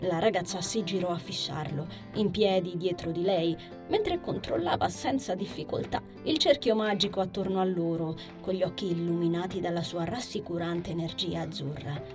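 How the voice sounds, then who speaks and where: A woman reading a fantasy novel aloud as a narrator, expressive, sometimes dropping to a soft whisper. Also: on the low side, normal speed, hardly any pauses, music in the background. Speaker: audiobook narrator.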